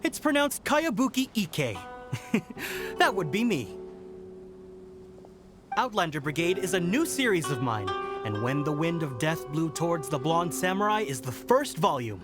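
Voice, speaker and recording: A man's voice: on the high side, sing-song, unhurried, long pauses, over music. A man playing a proud, dramatic, stubborn novelist in a video game, with a theatrical, self-important delivery. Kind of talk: animated video game voice acting.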